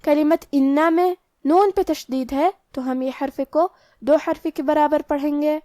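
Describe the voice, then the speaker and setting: A woman teaching Quran recitation, explaining pronunciation rules in a measured, step-by-step way. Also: high-pitched, fairly even intonation, warm tone, no echo, clean studio sound. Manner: measured, step-by-step instructional delivery.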